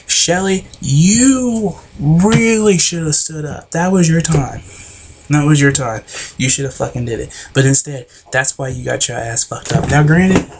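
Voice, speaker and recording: A man's voice: medium pitch, vocal fry, noisy background. Blunt, profane man recapping a show. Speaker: reality TV recapper.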